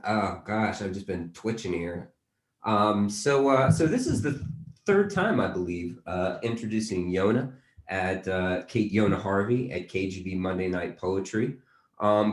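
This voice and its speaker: A man hosting a poetry reading over a video call, introducing a poet in a thoughtful, halting way. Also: lowish voice. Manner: thoughtful, many fillers. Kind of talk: casual spoken introduction. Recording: roomy echo.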